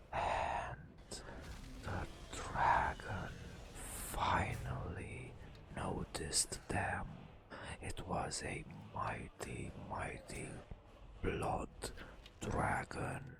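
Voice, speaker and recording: A man whispers breathily, narrating a fantasy game as ASMR, slow and dramatic with long pauses. His voice sits low.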